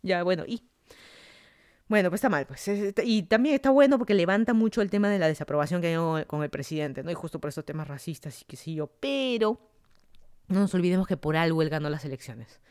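A Peruvian podcast host talks through the week's news in a casual, musing monologue, thinking aloud and often breaking off to restart sentences. His voice sits high and is animated, fairly quick, smooth and darkish.

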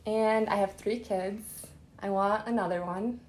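A woman's voice: mid-range voice, fairly even intonation, a little slow, darkish tone, rough recording. A woman in her thirties from Chicago, chatting casually as a guest and laughing often. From Chicago, USA. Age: 30s. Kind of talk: casual chat.

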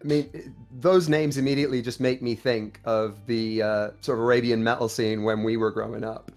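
A man's voice: medium pitch, fairly even intonation, moderate pace, soft background music. A young man from Kuwait, a band singer, chatting casually as a podcast guest and reminiscing. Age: young adult.

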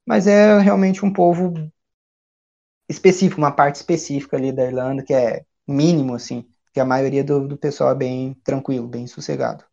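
A man from Brazil, chatting casually as a guest, with a relaxed, rambling way of telling stories. The recording sounds dull and lo-fi. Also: mid-range voice, moderate pace, gravelly. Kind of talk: casual chat.

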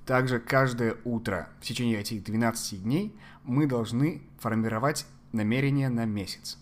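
Halting man explaining self-help ideas. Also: mid-range voice. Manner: halting, searching for Russian words. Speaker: podcast guest giving self-help advice. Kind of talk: conversational psychological explanation.

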